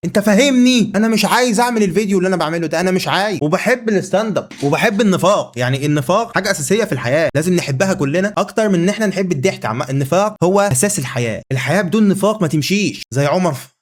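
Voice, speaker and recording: A young man with an Egyptian Arabic accent, rambling through a self-mocking comic monologue to the camera, leaping between high and low pitches and trailing off into restarts. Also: lively intonation, racing. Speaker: comedy YouTuber.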